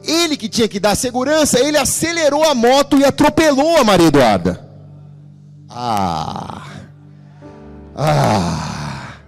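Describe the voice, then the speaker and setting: Brazilian male pastor, high animated voice, storytelling sermon, faint music underneath. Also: brisk. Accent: Brazilian Portuguese. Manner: storytelling, calls out to the congregation. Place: church.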